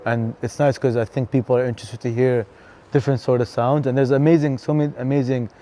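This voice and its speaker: Laid-back DJ guest, man in his thirties, dark mellow tone, filler-heavy casual talk. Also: mid-range voice, quick pace, a little hiss or hum. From Canada. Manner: relaxed, chatty, lots of fillers and "bro". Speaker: DJ and venue co-founder, guest. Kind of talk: casual interview chat.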